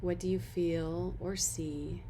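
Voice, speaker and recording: A woman with a fairly low voice and fairly even intonation leads a guided body-scan meditation, with a little hiss or hum in the audio. As the instructor, she gives gentle, unhurried instructions and soft invitations.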